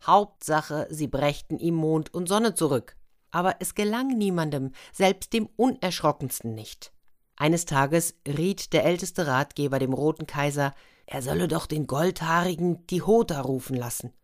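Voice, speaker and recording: A woman's voice: sits low, measured pace. A woman reading a fairy tale aloud in a chatty way, with asides to her listeners. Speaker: storyteller.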